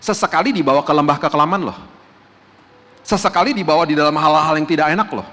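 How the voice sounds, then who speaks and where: A man's voice: a little high, fast, sharp tone. A middle-aged male pastor preaching a sermon in a casual, conversational way, acting out the voices of the people he quotes. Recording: long hall reverb, faint background noise.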